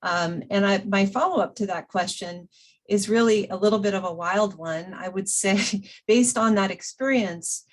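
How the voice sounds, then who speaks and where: A woman's voice: mid-range voice, moderate pace, rough recording. A woman moderating a panel discussion, thanking guests and posing follow-up questions. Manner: polite, thanking and introducing guests.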